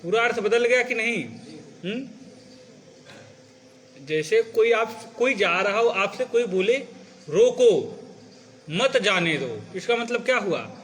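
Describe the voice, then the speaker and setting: A high-pitched man lectures a classroom on recitation. He explains step by step and keeps asking whether his students are following. A faint hum of noise sits behind his voice. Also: unhurried, pauses often, fairly bright tone. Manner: patient, checks understanding with repeated questions; demonstrates phrasing by reciting example lines. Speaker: teacher of scripture recitation.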